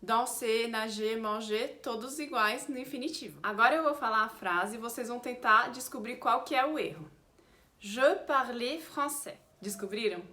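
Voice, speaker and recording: A young woman with a fairly high voice gives a clear, patient French lesson from a home setup. She slows down noticeably whenever she says an example sentence. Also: bright, forceful tone. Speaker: French teacher. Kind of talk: language lesson. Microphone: desk microphone.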